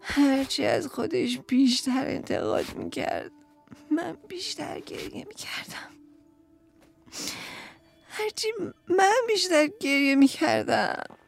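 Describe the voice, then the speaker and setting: A woman playing a fed-up, sharp-tongued housewife in a theatrical monologue, swinging from loud outbursts to whispers. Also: sits high, wildly swooping pitch, gravelly, heavily acted. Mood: hushed, tearful.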